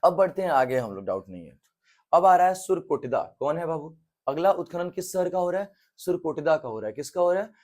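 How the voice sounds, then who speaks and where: A man's voice: fairly high pitch, lively intonation, fairly quick, a little mellow. A male teacher giving an exam-prep history lecture. He talks in a colloquial, jokey way and keeps firing repeated questions back at his students. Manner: quizzes students with repeated call-and-response questions.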